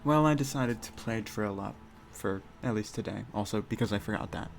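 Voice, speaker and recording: Relaxed game master, man. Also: on the low side, brisk, gravelly, soft background music. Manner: laid-back, wrapping up the session. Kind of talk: casual post-session chat.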